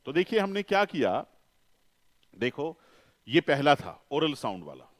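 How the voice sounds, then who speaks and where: Lively, echoey male phonetics teacher. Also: fairly high pitch. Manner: repeats key terms, asks questions and answers them himself; slows down for emphasis. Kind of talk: classroom lecture. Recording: long reverb, echoey room.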